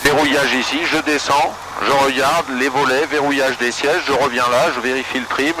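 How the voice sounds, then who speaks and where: A man's voice: medium pitch, fairly even intonation, moderate pace. Male flight instructor over a noisy pilot headset. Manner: informal, conversational, explanatory. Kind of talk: casual in-flight coaching. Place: small light aircraft cockpit. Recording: pilot headset intercom, loud aircraft engine noise.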